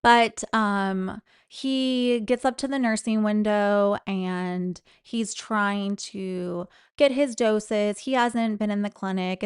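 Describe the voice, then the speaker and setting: A woman, a former clinic employee, telling stories in a casual chat, animated and now and then mimicking people in a high voice. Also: smooth, no echo, clean studio sound.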